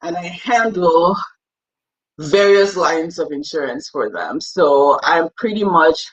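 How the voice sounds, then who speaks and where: A woman's voice: low voice, expressive, slow pace, husky, dull audio. A young woman from Cameroon, a guest in a casual interview, talking in a chatty, self-deprecating way and laughing easily. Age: young adult.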